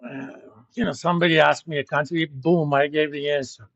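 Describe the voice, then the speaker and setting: A man's voice: on the high side, fairly even intonation, fairly quick, creaky, a bit bright, dry recording, highs cut off. A middle-aged man from Turkey who teaches at a university, lecturing his class in a blunt, joking, informal way. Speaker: university professor.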